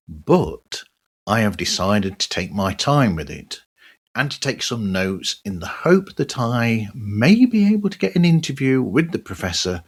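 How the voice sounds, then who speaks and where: A man hosts a podcast monologue in a personal style, tossing in wry, sardonic asides along the way. His voice is fairly low-pitched with a breathy edge.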